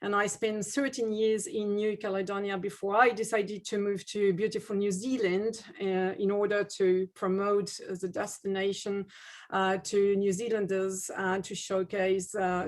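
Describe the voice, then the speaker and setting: Woman with a french accent, tourism rep on a webinar call, lots of ums. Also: mid-range voice. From France. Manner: hesitant, many fillers. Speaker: tourism representative. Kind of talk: webinar presentation. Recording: video call audio.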